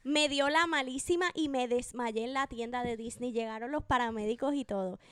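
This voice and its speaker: A woman co-hosting a casual podcast, chatty and quick to finish her partner's sentences. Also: fairly high pitch, a bit bright, smooth, dry recording. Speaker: podcast co-host. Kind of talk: casual chat.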